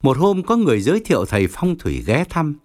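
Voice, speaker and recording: Expressive male storyteller. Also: a little high, fast. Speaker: narrator. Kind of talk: audiobook storytelling.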